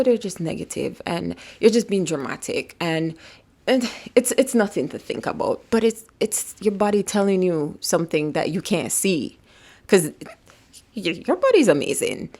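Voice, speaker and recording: A woman's voice: lowish voice, darkish tone. A young woman giving a casual self-help talk to camera, emphatic and repetitive, sometimes dropping to a whisper. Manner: emphatic, repetitive, drops to a whisper when voicing the body. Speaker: vlogger.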